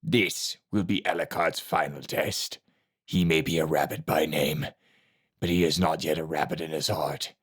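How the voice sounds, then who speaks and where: A man reading an audiobook, voicing a menacing old leader of an assassin clan in a low, gravelly, slow and cold way. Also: fairly even intonation. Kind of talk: audiobook character voice.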